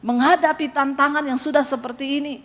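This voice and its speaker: A middle-aged woman pastor preaching an animated sermon with humor and rising emphasis in a church. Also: high-pitched, a little fast. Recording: long hall reverb.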